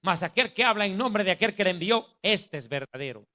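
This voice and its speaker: A man's voice: high-pitched, lively intonation, a little fast, pushed and bright. A man preaching a sermon in a mocking, jokey and emphatic manner.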